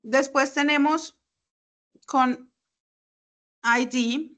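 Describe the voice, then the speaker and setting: A woman teaches over a video call, talking slowly and patiently. Her voice sits somewhat high, and she builds each point step by step with examples. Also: steady tone, fairly bright tone. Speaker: English teacher. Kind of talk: online class explanation. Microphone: computer mic on a video call.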